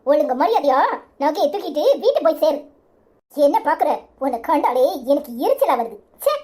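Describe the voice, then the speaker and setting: A woman's voice: high voice, darkish tone. A fierce berating village woman, Tirunelveli accent. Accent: Tirunelveli Tamil. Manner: harsh, berating. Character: fierce protective woman, furious scolder. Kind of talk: cartoon voice acting.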